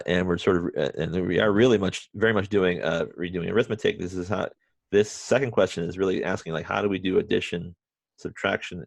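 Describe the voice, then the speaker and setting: A math professor teaches a university class remotely in a low, creaky voice with no echo. He halts often, restarting sentences and using fillers, and drops wry, self-mocking asides.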